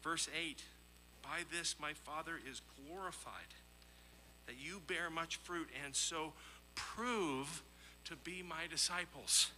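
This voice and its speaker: A fairly high-pitched man preaches slowly in a bright, forceful tone, the poor audio marked by slight hiss or hum. Earnest and emphatic, he works through scripture readings and illustrative stories, leaning on repetition and rhetorical questions.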